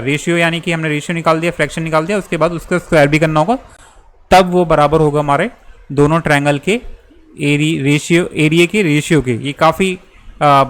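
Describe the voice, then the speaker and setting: A young man, patiently walking students through a geometry proof step by step, often checking in as he goes. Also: a little high. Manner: patient, repeats and checks with "theek hai". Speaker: maths teacher.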